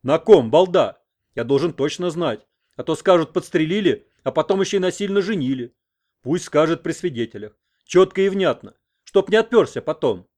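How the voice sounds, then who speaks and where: A man voicing a pompous middle-aged village head who barks orders loudly. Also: a little high, lively intonation, normal speed, pitched above the performer's own voice, lightly acted. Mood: bossy. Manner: bossy, loud.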